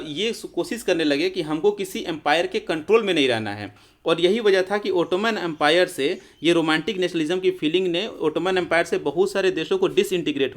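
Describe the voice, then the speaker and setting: A male teacher, giving an explanatory history lecture and often calling his students friends. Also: a little high. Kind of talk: classroom lecture.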